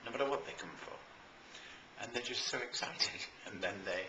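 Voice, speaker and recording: This British life and business coach has a mid-range voice and promotes his services in an informal, enthusiastic way, emphasizing points and pausing deliberately. The recording has a roomy echo and faint background noise.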